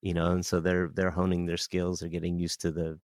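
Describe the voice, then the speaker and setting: Deep, gravelly man in easy chat. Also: monotone, fairly quick, darkish tone, dry recording, studio quality. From San Francisco Bay Area. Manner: easygoing, filler-heavy, "you know" throughout. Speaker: podcast guest, musician. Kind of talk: casual sports chat.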